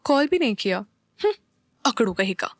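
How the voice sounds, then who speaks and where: A woman's voice: on the high side, expressive, moderate pace, dry recording, clean studio sound, lightly acted. Woman doing a chirpy playful young bride. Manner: bright, playful, teasing.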